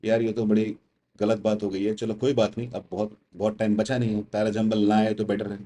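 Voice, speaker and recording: A young man with an Indian accent teaches test prep live, chatty and teasing with his viewers. His voice sits somewhat low and sounds dark and mellow. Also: completely flat delivery, fairly quick. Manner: chatty, teasing, mixes Hindi and English. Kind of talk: casual livestream teaching.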